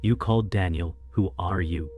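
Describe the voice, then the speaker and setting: A wary woman who presses her partner for the truth in a quiet, steady way, read by a man in his own deep voice. She talks with calm insistence in a spoken story, and soft music plays underneath. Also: moderate pace, narrow, tinny audio, natural voice. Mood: guarded, insistent.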